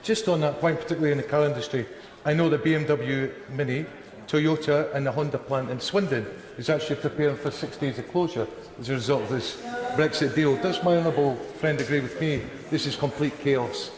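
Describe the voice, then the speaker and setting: A man's voice: fairly high pitch, brisk, hardly any pauses. A man speaking as a member of parliament, making a heated, urgent intervention in a debate. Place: large indoor debating chamber. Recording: echoey chamber with crowd murmur.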